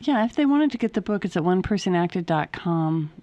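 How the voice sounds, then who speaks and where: A woman with a low, mellow voice speaks as a guest author on a radio show. She explains at length, earnest and a little halting, with false starts. The sound is dry and close. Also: lively intonation, no echo, highs cut off. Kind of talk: radio interview answers.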